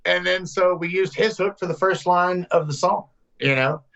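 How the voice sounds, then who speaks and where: A man in his thirties, a songwriter guest, telling casual, animated stories in an interview. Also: high voice, gravelly, muffled recording. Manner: animated, loose storyteller, slips into quick voices.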